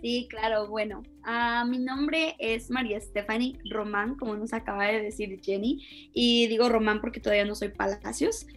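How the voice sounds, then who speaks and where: A young woman from Ecuador in her twenties, a youth pastor, speaking warmly and earnestly as a podcast guest. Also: on the high side, fairly even intonation, normal speed, soft background music. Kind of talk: interview conversation.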